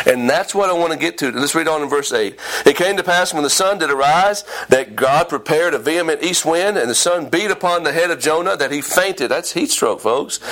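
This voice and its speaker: Man, preacher, sermon, fairly high voice, emphatic peaks, reads scripture aloud. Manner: animated, rising to emphatic peaks and dropping low.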